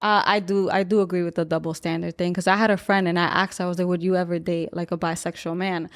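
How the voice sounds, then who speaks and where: A woman's voice: lowish voice, little pitch movement, fast. A woman in casual podcast chat who adds many agreeing murmurs. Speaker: podcast co-host.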